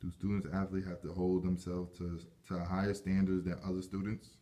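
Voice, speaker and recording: Mellow, low-voiced male interviewer. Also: monotone, fairly quick. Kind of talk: reading prepared interview questions.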